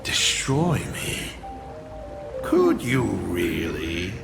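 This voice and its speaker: An actor playing a mocking, theatrical male villain in a video game, teasing and drawing out his words, with breathy dips toward a whisper. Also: sits low, wildly swooping pitch, full character voice. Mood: amused menace. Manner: teasing, taunting, drawn-out dramatic delivery. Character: mocking, theatrical male villain, a fallen navigator turned destroyer. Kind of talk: dramatic video game voice acting. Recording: loud game music behind. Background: game soundtrack music.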